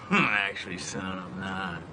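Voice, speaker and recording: A goofy laid-back sitcom dad. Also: male voice, sits low, vocal fry, bright, forceful tone, slight background noise, exaggerated voice. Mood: fatherly. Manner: goofy, easygoing, slow on sarcasm. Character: laid-back dad living in a parking lot. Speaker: father giving his son advice. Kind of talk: sitcom acting. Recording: faint music under the dialogue.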